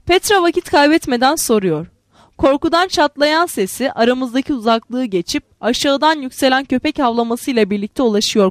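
A woman reading a literary novel aloud in a measured, expressive way. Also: on the high side, no room sound, clean studio sound. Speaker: narrator. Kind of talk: literary audiobook narration.

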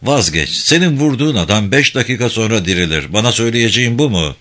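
A man's voice: on the low side, expressive, quick pace, fairly bright tone. A man voicing a proud, stubborn elderly notable who talks haughtily and defiantly. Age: older.

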